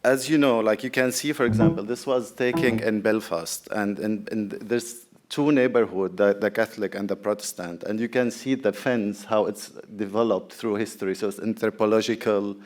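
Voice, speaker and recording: Low-voiced Syrian-born man presenting. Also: normal speed, hardly any pauses. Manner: relaxed, thinking aloud with frequent fillers. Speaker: artist giving a talk. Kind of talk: presentation talk. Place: public talk venue.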